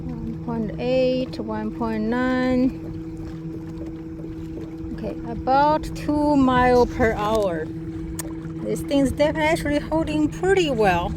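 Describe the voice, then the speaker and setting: A woman's voice: high voice, slow pace, long pauses. A woman narrating a casual hands-on product test outdoors on a boat, speaking in short broken remarks as she works. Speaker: product demonstrator. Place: outdoors on a small motorboat on the water. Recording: noisy outdoor boat recording. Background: boat and water noise.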